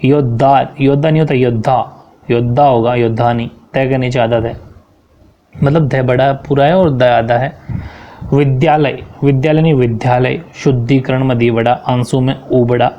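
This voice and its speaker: A man in a grammar class works through corrections one by one and keeps checking in with his students. His voice is mellow and dark, with no edge to it. The recording sounds dull and lo-fi. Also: medium pitch, fairly even intonation, moderate pace. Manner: explains step by step, often checks in with "ठीक है". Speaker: teacher. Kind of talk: grammar lesson.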